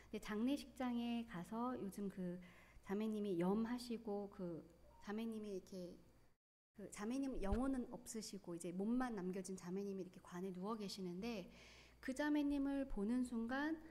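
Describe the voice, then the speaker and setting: A woman's voice: mid-range voice, warm tone. Earnest woman in her forties testifying. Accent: Gyeongsang. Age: 40s. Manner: earnest, tearful, quick bursts of feeling. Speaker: church member giving testimony. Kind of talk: emotional personal testimony.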